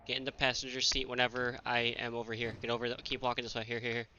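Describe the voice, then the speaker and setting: A man's voice: medium pitch, monotone, fast, bright, forceful tone, muffled recording, a little hiss or hum. A man streaming a co-op game, chatting casually and urgently directing a teammate. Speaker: streamer playing a co-op zombie game. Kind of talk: casual gameplay chat.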